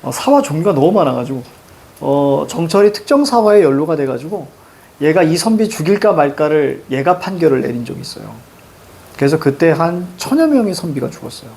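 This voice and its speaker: A woman teacher giving a chatty classroom lecture, joking with students and reading old verse aloud slowly. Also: low voice, big pitch swings, warm tone. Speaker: Korean literature teacher.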